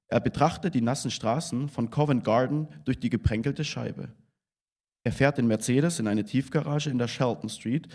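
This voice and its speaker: A man giving a calm, measured reading of a novel at a book premiere. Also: mid-range voice. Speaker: reader of a novel's translation.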